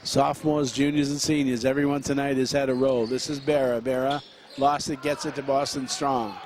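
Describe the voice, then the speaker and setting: A man calling play-by-play for a high school basketball game, running through quick action with frequent fillers and restarts. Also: little pitch movement, a little mellow, a little hiss or hum. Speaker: play-by-play announcer.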